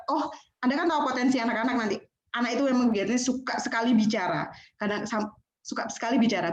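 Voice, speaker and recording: A woman giving an online lecture at a teacher-training session, chatty and animated, often acting out what students and teachers say. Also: fairly high pitch. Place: room, on a video call. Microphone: video call. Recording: echoey, dull online call audio.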